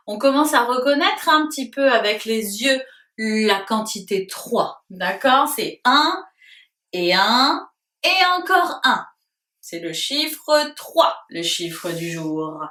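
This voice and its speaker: A woman teaching a lesson to small children at home, asking simple questions in a slow, sing-song voice and praising their answers. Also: high-pitched, sharp tone, far from the mic. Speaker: preschool teacher. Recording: roomy echo, voice a little off-mic.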